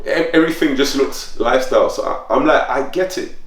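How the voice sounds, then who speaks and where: A man's voice: mid-range voice, brisk, distant mic. A man telling stories in casual chat, full of slang, his voice jumping up when he gets worked up. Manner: animated storytelling with slang, voice jumps up when worked up. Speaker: podcast host. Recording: roomy sound, a bit off the mic.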